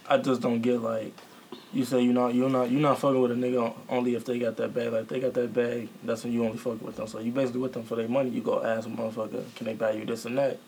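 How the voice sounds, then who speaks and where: A man's voice: mid-range voice, little pitch movement, fast talker, gravelly, a little mellow, a little hiss or hum. A young man from Chicago, a podcast guest rambling in slangy casual chat. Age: young adult. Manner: rambling, slangy, full of fillers.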